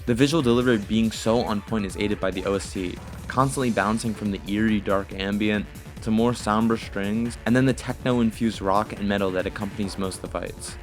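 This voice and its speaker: A man's voice: on the low side, steady tone, brisk. A man giving scripted video game commentary as an essayist, in a casual, profane manner. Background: music.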